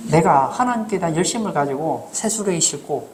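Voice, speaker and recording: A man's voice: fairly high pitch, expressive, a little fast. A man preaching a sermon as pastor, asking the congregation rhetorical questions and acting out short quotes.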